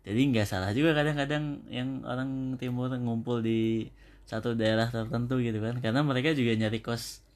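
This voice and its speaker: A man's voice: mid-range voice, steady tone, a little fast, a little mellow. A young man co-hosting a casual chat, speaking hesitantly and searching for words as he goes. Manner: hesitant, many fillers and restarts.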